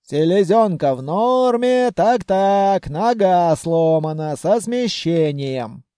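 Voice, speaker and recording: A man's voice: high-pitched, animated, slow pace, mellow, clean tone, dry recording, studio quality. A man voicing a stern, fussing old grandmother who heals by magic in an audiobook. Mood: bossy. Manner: scolding, commanding.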